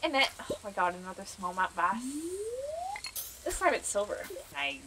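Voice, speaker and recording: A woman's voice: on the low side, lively intonation, normal speed, noisy background. A woman streamer chatting to herself while she plays a game, playful and self-mocking. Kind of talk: casual gameplay commentary.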